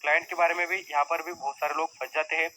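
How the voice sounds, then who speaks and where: A man's voice: on the high side, little pitch movement, fast talker, sharp tone, poor audio. A man teaching viewers about stock market risk in a conversational, repetitive lesson style. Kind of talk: explanatory screen-share lesson.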